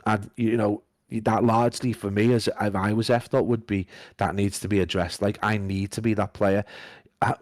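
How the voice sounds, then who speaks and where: A man guesting on a casual podcast, talking in a flat monotone while feeling unwell. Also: on the low side, moderate pace, dry recording. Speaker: guest esports caster.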